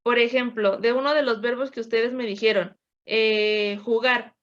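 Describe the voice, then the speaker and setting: A woman teacher leads a grammar lesson, her voice sitting a little high. She patiently drills verb forms and prompts the class to answer back. The recording is dull and lo-fi. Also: steady tone, normal speed, a bit bright. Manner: patient, drills conjugations with call-and-response.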